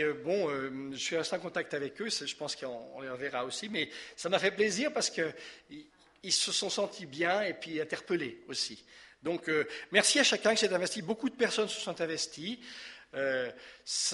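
In a church hall, a pastor with a fairly high, sharp-toned voice leads a service, giving announcements and a blessing. He speaks conversationally and hesitantly, full of fillers.

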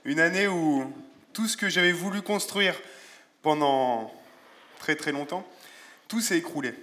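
A man preaching a sermon in a relaxed, conversational way, with self-deprecating humor and Bible verses read aloud. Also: a little high, unhurried. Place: church.

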